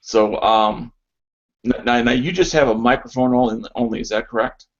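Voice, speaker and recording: A man's voice: mid-range voice, moderate pace, highs cut off. A man hosting a casual voice chat, opinionated and prone to stammers and restarts.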